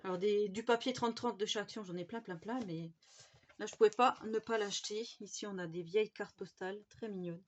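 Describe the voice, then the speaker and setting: A woman's voice: medium pitch, brisk, dull audio. A woman, chatting enthusiastically through a haul of craft supplies, with many fillers and restarts. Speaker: scrapbooking vlogger. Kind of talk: casual product haul chat. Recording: faint background noise and clicks.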